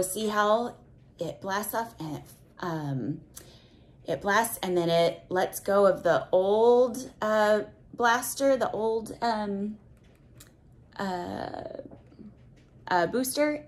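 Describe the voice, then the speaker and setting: Here a woman with a mid-range voice reads aloud from a picture book for children. Her delivery is lively and full of exclamations and audible gasps of wonder. She breaks off to explain things plainly and ask the little listeners questions.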